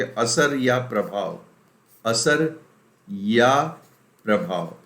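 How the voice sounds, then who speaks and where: A man from India teaches an exam-prep vocabulary lesson, speaking emphatically, repeating words to drill them and mixing in English phrases. His voice is medium-pitched and fairly bright, and the recording has a roomy echo.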